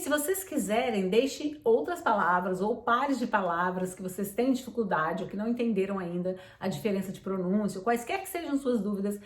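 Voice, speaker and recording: A woman giving an online English pronunciation lesson, patiently repeating words slowly. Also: mid-range voice. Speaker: English teacher. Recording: roomy echo, mic at a distance.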